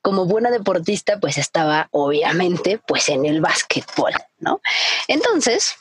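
Lively, slightly husky Mexican woman. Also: on the low side, a little slow, dry recording, clean studio sound. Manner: animated, acts out her dad's shouting, many fillers. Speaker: podcast co-host. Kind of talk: casual storytelling chat.

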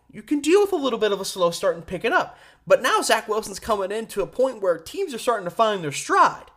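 This solo sports radio host is a man with a high, somewhat bright voice. He offers forceful opinions, pausing on purpose and throwing out rhetorical questions.

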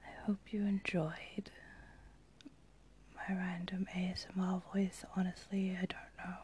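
A woman's voice: lowish voice, level tone, measured pace, warm tone, a little hiss or hum. A young woman, talking casually in a whispered ASMR voice, rambling with lots of fillers. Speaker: channel host.

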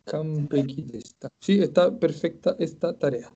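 A man's voice: a little high, moderate pace, warm tone, highs cut off. A man with a Chilean accent teaching a live-streamed class, methodically reciting verb forms aloud while checking homework, with self-mocking humor. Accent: Chilean Spanish. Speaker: Japanese language teacher.

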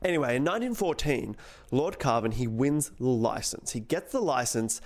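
A man's voice: mid-range voice, animated, moderate pace. A man, co-hosting a podcast and casually retelling a history story, acting out quotes along the way. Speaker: podcast co-host.

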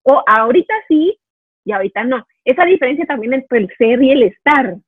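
A woman's voice: sits high, lively intonation, fairly quick, husky, no echo. A woman hosting an interview, reflecting aloud and often tagging her thoughts with a questioning "no". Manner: reflective, thinks aloud, tags phrases with "¿no?". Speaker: podcast host. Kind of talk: casual interview conversation. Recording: tinny phone-line sound, dry.

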